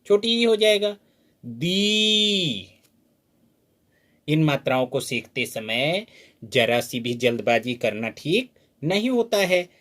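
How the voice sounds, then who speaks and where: A fairly high-voiced man teaches in an unhurried, deliberate way. He stretches each syllable out and keeps asking the learner how to read it. The sound is of a patient classroom lesson. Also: a bit bright. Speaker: Hindi teacher. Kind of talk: slow spoken lesson at a board.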